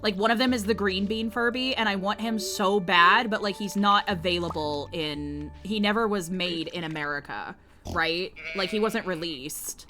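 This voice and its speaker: A Vietnamese-native woman streams a game and chats casually with a mid-range voice at a normal speed, music playing behind her. She rambles, swears freely and keeps putting herself down.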